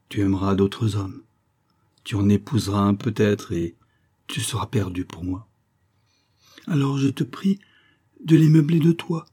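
A man's voice: on the low side, warm tone, slightly rough. A man voicing a feverish dying poet who passionately implores his lover in an audiobook story. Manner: impassioned, imploring.

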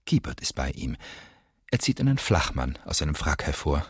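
A man's voice: rumbling low, big pitch swings, moderate pace, slightly rough. A man reading scripted audio description of a film as narrator.

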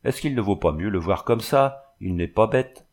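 A man voicing a kindly, gently firm village priest who coaxes and scolds like a father, in a storybook reading. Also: fairly low pitch, animated, normal speed. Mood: persuading. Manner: coaxing, paternal scolding.

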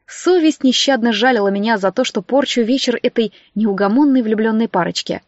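A woman narrating an audiobook, switching into lively character voices for the dialogue. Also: on the high side, brisk, dry recording, lo-fi sound.

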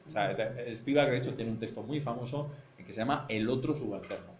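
A man's voice: medium pitch, fairly quick, over a noisy crowd. Man from Madrid explaining in an echoey classroom. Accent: Spanish from Spain, Madrid. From Spain (Madrid). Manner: explanatory, thinks aloud, checks understanding with frequent "¿no?". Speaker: university teacher. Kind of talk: seminar lecture with discussion.

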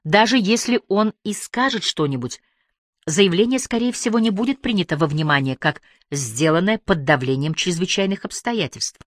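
A woman's voice: lowish voice, animated, moderate pace, no room sound, clean studio sound. A woman reading a polite, educated young man who pleads formally and carefully. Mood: earnest persuasion.

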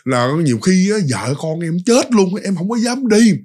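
A remorseful husband caught in a spell pleads for forgiveness, as a male storyteller puts him on. He drags out his words, his pitch sitting a little high and swinging widely. The way he speaks is apologetic and pleading throughout. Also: sing-song, moderate pace, darkish tone. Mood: fearful.

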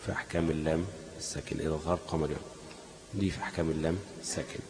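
A man's voice: a bass voice, level tone, racing, a little mellow, big-room sound, slight background noise, low-quality recording. A man with an Egyptian Arabic accent teaching a class on Quran recitation, asking leading questions that the students finish.

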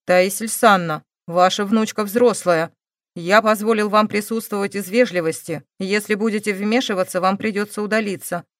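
A woman voicing a calm, stern male police investigator who presses with measured questions. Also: mid-range voice, no echo, clean studio sound, natural voice.

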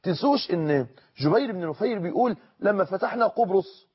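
Egyptian male preacher, high husky voice, earnest, repeats lines, dull recording. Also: expressive. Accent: Egyptian Arabic. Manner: earnest, repeats phrases for emphasis, slows for quotations. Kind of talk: Egyptian colloquial sermon.

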